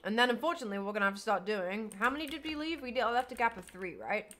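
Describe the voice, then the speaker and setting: A woman streamer with a high, bright voice, chatting away while she builds. Her pitch swings freely as she thinks aloud, mutters to herself and breaks into delighted squeals. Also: expressive, very fast, a little hiss or hum. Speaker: game streamer. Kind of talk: casual live-stream chat while building.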